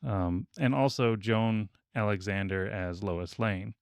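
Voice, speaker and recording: A podcast host with a lowish, gravelly voice talks at a slow, steady pace in a dry recording. He leads a casual discussion with research notes, explaining things hesitantly and drifting into asides.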